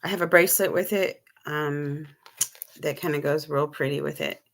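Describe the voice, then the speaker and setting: Gravelly low-voiced woman chatting on a live stream. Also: fairly even intonation, normal speed. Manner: rambling, many ums, shows items to camera. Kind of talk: casual live-stream chat.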